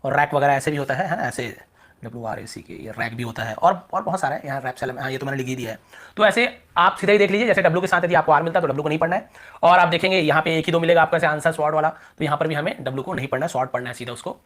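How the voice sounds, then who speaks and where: Fast-talking man teaching English spelling. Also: fairly high pitch, a bit bright. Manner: rapid, repetitive, drawing out example words. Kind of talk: classroom lesson explaining spelling rules.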